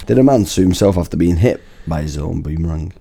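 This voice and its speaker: A man's voice: sits low, animated, quick pace, creaky, dark tone. A man co-hosting a podcast in crude, casual banter, reading list items aloud and laughing often. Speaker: podcast co-host.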